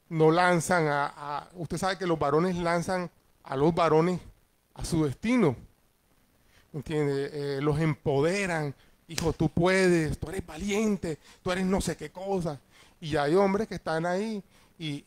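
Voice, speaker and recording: A middle-aged man, a pastor teaching Sunday school in a conversational way and checking in with his listeners. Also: on the high side. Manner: acts out family voices in passing.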